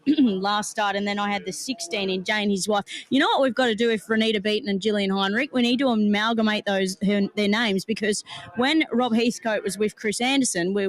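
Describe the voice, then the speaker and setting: A man co-hosting a horse racing show, calling runners and riders. He talks in an upbeat way, with quick tipster banter. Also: sits high. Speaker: racing analyst. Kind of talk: racing broadcast chat.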